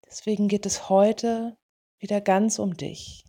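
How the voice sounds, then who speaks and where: A woman leading a guided meditation in a soothing, gentle way, in short unhurried phrases. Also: mid-range voice, little pitch movement. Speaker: meditation guide for dog owners.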